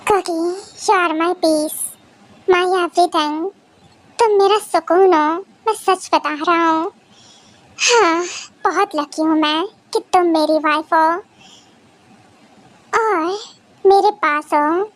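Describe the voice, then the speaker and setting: A woman voicing a tender, emotional young husband in a fan audio drama. She speaks softly and affectionately. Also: extremely high pitch, unhurried, long pauses.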